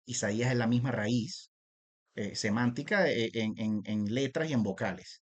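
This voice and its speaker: A man giving a video Bible lesson, speaking straight to the listener as "brother" with many restarts and tag questions, and slowly drawing out ancient names. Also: medium pitch, husky. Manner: repetitive, addresses listener as "usted" and "hermano"; stretches out transliterated names slowly. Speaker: Bible teacher.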